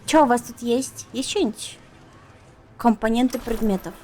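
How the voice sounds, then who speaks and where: Young female game streamer, slightly high voice, playful, sweary muttering, faint noise behind. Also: normal speed, mellow. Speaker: streamer playing a video game. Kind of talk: casual gaming stream commentary.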